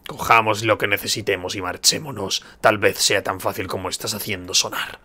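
A weary young chieftain weighed down by doubt, read out by a Spanish man. His lines come slow and subdued in a bright voice with a Spain Spanish accent. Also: fairly low pitch, steady tone, exaggerated voice.

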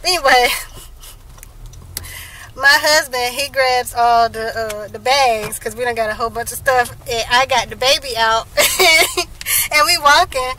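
Rich: A woman with a high, bright voice chats through a casual vlog. She tells her story in a playful way and laughs often, with a faint hum of the surroundings behind her. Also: unhurried. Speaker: vlogger. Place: car and park, outdoors.

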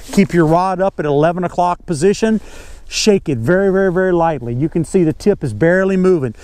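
Speaking with a fairly high pitch and a dark tone, an older man with a Southern US accent guides a fishing trip from a bass boat on a lake. His lesson is casual and folksy, and he leans on repeated key words to drive points home.

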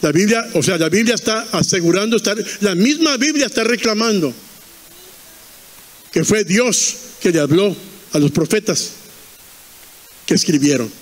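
A man's voice: high voice, animated, moderate pace, pauses often, long reverb tail. A man preaching a fervent sermon in a church, repeating lines and quizzing the congregation.

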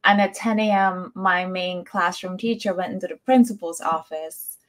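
A woman's voice: on the low side, steady tone, normal speed. A woman, telling her own story conversationally as an interview guest on a video call. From Austria. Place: indoor room, video call. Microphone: wireless earbuds on video call.

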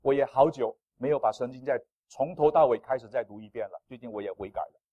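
A male pastor preaching a sermon in an animated, playful way, with self-deprecating humor. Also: medium pitch, fast, no room sound, dull audio.

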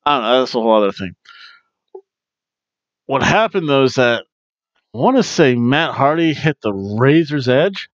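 Recapping wrestling matches from a small room at home, this forties-aged review host is opinionated and chatty, now and then breaking into loud mock boos. His medium-pitched voice is lively, moderately paced with frequent pauses, recorded dry and muffled through a headset mic on a video webcam.

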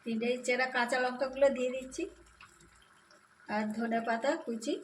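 A woman talks through a recipe in her home kitchen, calm and step by step. Her voice sits fairly high and stays level in pitch. A faint hiss of background noise runs under the recording. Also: normal speed. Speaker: cooking channel host. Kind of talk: casual cooking narration.

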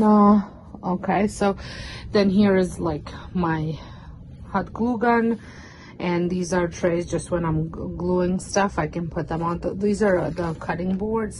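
Filming on a phone camera that is sometimes handheld and sometimes on a stand, a middle-aged woman who vlogs about home organizing wanders through her basement craft room. She speaks in a fairly low voice, full of fillers and restarts, over background noise.

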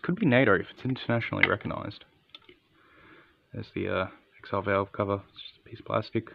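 Male product reviewer, low gravelly voice, understated and casual, slightly dull camera audio. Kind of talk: casual, unscripted hands-on review.

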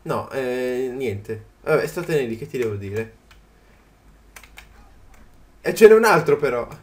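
A man giving casual commentary as he plays a video game, chatty and quick to yelp in surprise. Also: mid-range voice, lively intonation, a little mellow. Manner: chatty, jumps to startled yelps at the game. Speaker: gaming channel host. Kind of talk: let's play commentary.

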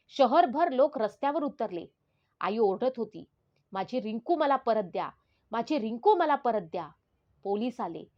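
A woman's voice: a little high, a little mellow, highs cut off. A woman narrating in the first person as the spirit of a murdered teenage schoolgirl, in a solemn, pleading manner.

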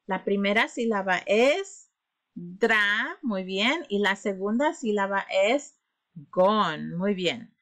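A woman teaching children a phonics lesson, drawing out syllables slowly and coaxing them to repeat after her. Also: mid-range voice, a bit bright.

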